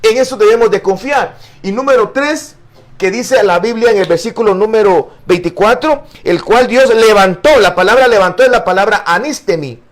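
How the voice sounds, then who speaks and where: A man's voice: high-pitched, moderate pace. A male pastor teaching a Bible study, earnest and explanatory, with frequent fillers and repeated words. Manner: addresses listeners as brother.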